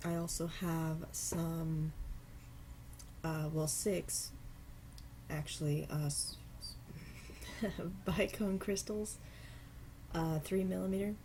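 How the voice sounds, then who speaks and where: In a relaxed earring-making tutorial filmed at a home craft table, a woman with a low, stuffy voice from her cold explains each step at a leisurely pace. Every so often she stops to apologize, and faint hiss hums beneath her speech.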